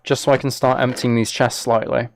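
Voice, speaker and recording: A man with a noticeably creaky, gravelly voice at an average male pitch streams a game live. He chats casually with viewers and thinks out loud as he plays, his delivery flat and a little fast.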